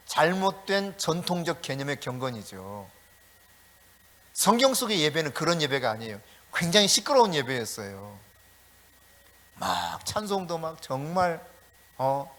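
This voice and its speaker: A middle-aged male pastor giving a sermon, animated and storytelling, talking directly to the congregation with chatty asides. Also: a little high, moderate pace. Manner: animated preaching with shouted calls.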